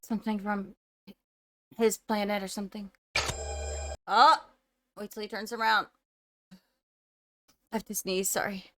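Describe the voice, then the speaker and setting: A woman's voice: mid-range voice, flat delivery, a little slow, pauses often, fairly bright tone, slight background noise. A young woman hosting a first-time movie reaction, musing aloud and gasping and exclaiming as she watches. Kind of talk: casual movie reaction commentary.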